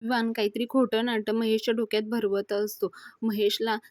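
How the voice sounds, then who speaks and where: A woman recapping a TV serial episode, telling the story briskly and reading the characters' lines plainly. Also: a little high, level tone, darkish tone, no room sound, studio quality. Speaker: TV serial reviewer.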